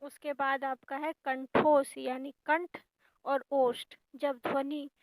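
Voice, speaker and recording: A woman's voice: high-pitched, flat delivery, slow pace, no echo, rough recording. A woman teaching a grammar lesson for exam preparation, explaining each point patiently, step by step.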